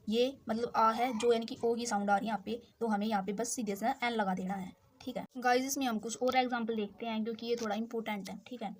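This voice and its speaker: Higher-pitched woman teaching grammar slowly. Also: a little hiss or hum. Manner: slow, repetitive explaining with frequent check-ins. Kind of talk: explaining with examples in Hindi.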